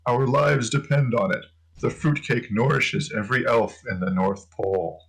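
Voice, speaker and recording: A man's voice: mid-range voice, normal speed, close to an everyday voice, low-quality recording. A man voicing a solemn male elf explaining a treasured object.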